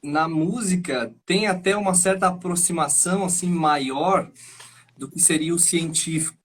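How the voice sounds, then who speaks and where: A man who acts and teaches singing, explaining his ideas in an animated, thinking-aloud way as a guest on a live stream over a video call. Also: on the high side, moderate pace. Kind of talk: casual chat.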